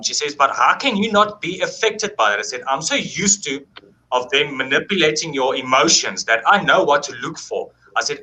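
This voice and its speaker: A man telling a paranormal story in a casual, animated way, acting out quoted dialogue and swearing freely. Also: fairly high pitch, rough recording.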